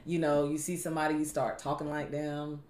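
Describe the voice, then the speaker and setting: A woman hosting a faith-based chat, talking in a relaxed, conversational, preachy way. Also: deep voice, fairly quick, echoey room, slight background noise. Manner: conversational, preachy, uses everyday analogies. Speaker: podcast host.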